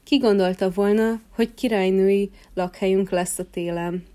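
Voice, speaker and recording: A cheerful little mother beetle calling her young ones, as a woman voices her in a storybook. The voice is warm and mellow, bright in spirit, a touch louder. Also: mid-range voice, steady tone, close to an everyday voice. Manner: laughing, motherly.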